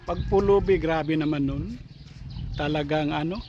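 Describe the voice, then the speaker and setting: A man's voice: fairly high pitch, a little slow, warm tone. A man vlogging outdoors in the countryside, chatting casually and joking, laughing often.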